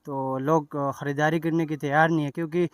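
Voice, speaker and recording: A man's voice: a little high, level tone, a little fast, clean tone, no echo, studio quality. A man with a Pakistani accent who runs a clothing stall, explaining prices at length. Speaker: jacket stall owner. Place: outdoor street market.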